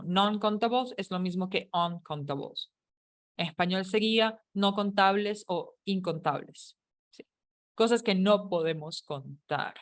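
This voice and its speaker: A woman teaching an English grammar lesson, explaining in a chatty, playful way with jokes and questions to her students. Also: medium pitch. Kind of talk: online English lesson taught in Spanish.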